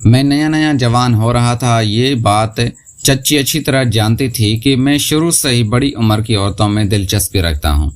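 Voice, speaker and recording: A man narrating a scripted first-person story in a steady, unhurried reading voice. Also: medium pitch.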